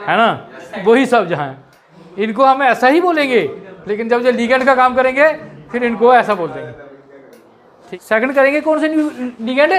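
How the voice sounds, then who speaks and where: A male chemistry teacher, lecturing a classroom and drilling students with quick questions and spelled-out terms. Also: extremely high pitch.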